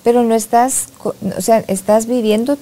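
A soft-spoken woman psychologist talking reflectively in a casual podcast conversation. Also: on the high side, fairly even intonation, moderate pace, noisy background. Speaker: psychologist guest.

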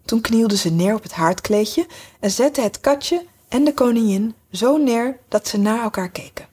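A woman narrating a storybook in a measured, even reading voice. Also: a little high, husky. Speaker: audiobook narrator.

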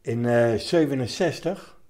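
A man, recalling his past in a casual interview, halting and anecdotal in short fragments. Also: mid-range voice, darkish tone. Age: 70s. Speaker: interviewee, retired commando veteran.

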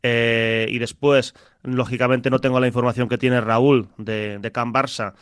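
Smooth-voiced man weighing his words. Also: medium pitch, level tone, dry recording, clean studio sound. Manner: measured, reflective, many hesitations. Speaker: sports pundit. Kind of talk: radio sports debate.

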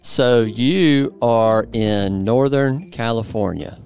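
A podcast host in his forties interviews a guest, explaining things in an upbeat, playful way. His voice is medium in pitch and a little mellow, and he takes his time.

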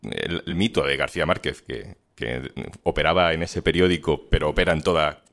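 A man's voice: very deep voice, normal speed, creaky, a bit bright. A man with a Spanish accent from Spain hosting a live podcast interview, asking probing questions. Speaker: podcast host.

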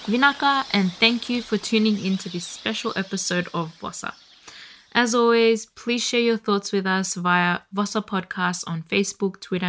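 A woman hosting a podcast, appreciative and encouraging as she addresses guest and listeners. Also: medium pitch. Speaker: podcast host. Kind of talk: warm podcast sign-off.

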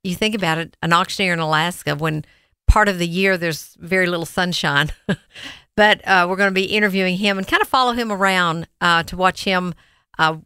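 Uma mulher com sotaque do sul dos Estados Unidos, leiloeira e coapresentadora, falando descontraída com muitos "um". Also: female voice, lowish voice, a little fast, smooth, dry recording, clean studio sound. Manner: relaxed, with frequent ums. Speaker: auctioneer and co-host. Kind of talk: casual radio talk.

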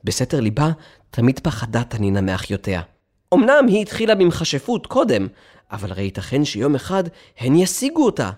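A man narrating a children's story in an expressive, storytelling manner. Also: medium pitch. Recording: music playing under the voice.

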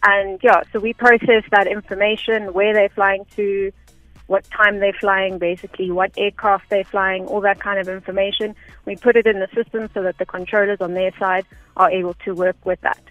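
A South African woman, an air traffic information officer, explains things step by step in a conversational, unpretentious way as a radio interview guest. Her medium-pitched voice stays fairly flat at normal speed, with phone-quality sound, no room sound, and faint background music.

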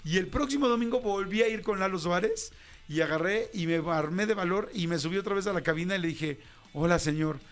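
A man's voice: high-pitched, quick pace, fairly bright tone. A Mexican man in his fifties, a radio host animatedly telling a slangy story about his first job and acting out the voices in it. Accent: Mexican Spanish. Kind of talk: casual storytelling.

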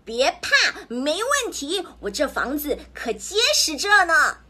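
Little pig played by a woman, high, cheerful, confident, storybook. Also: fairly even intonation, normal speed. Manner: cheerful, self-assured.

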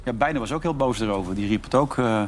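A man hosting a talk show who talks extremely fast, piling up loose, conversational sentences. His voice sits at an ordinary mid pitch. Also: slight background noise. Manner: rattles on quickly, loose and conversational. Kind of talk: casual talk-show chat.

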